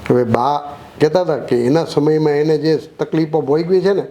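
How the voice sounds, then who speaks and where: An actor playing a middle-aged son, worried but calm, talking with his mother in a short film. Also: on the high side, moderate pace, slight background noise, lightly acted. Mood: relieved.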